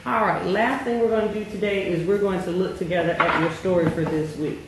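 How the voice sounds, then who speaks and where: A woman's voice: fairly low pitch, fairly even intonation. A woman tutoring a child in reading, asking patient questions and praising often. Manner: patient, encouraging, slow questioning prompts. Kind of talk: one-on-one phonics tutoring. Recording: very echoey room, faint noise.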